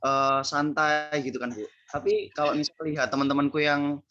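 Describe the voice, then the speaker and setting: A man's voice: on the high side, flat delivery, normal speed, dull audio, crowd noise. A male student asking a hesitant question in a webinar over an online call. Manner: hesitant, many fillers. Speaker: student participant. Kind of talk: casual question.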